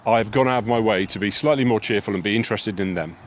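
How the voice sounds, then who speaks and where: Fast-talking upbeat man on a walk. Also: fairly low pitch, a little hiss or hum. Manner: chatty storyteller, upbeat. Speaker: podcast co-host. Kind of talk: casual walking conversation. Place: outdoors on a walk.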